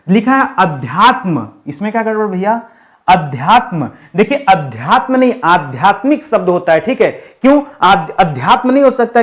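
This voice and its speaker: A young man teaching Hindi for an exam, drilling spellings by asking a question and answering it again and again. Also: sits high. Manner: drills students with repeated questions; addresses viewers as friends. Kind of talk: exam-prep lecture.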